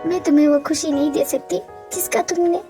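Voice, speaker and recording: A woman's voice: high-pitched, fairly even intonation, a little fast, over music. A woman voicing a grieving young wife in a fan audio drama, tearful and pleading.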